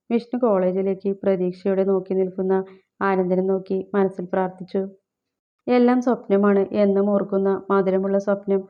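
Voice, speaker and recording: A woman reading a scripted story aloud as narrator, in a steady, unhurried manner. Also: medium pitch, highs cut off.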